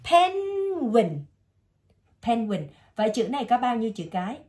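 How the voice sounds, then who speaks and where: In a one-on-one English vocabulary lesson, a woman with a Southern Vietnamese accent patiently stretches words out slowly and says them again. Her voice is fairly high and mellow.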